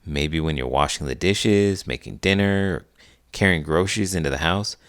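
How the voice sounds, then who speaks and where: This host, an elementary school teacher, leads a children's read-aloud with chatty, educational explanations. He has a low-pitched, slightly bright voice and a moderate pace.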